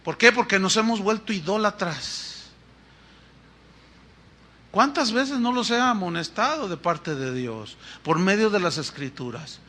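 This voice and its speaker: Male pastor, high-pitched, sharp and forceful tone, emphatic sermon delivery. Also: animated, measured pace. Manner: emphatic preaching with sudden loud rises; speaks to the congregation as brothers. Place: church.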